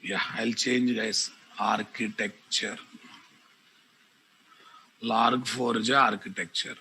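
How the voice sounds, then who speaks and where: A man with a Telugu Indian English accent teaching a live online software class, repeating phrases and addressing his students directly. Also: fairly low pitch, steady tone, takes it slowly, a little hiss or hum, rough recording. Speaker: programming teacher.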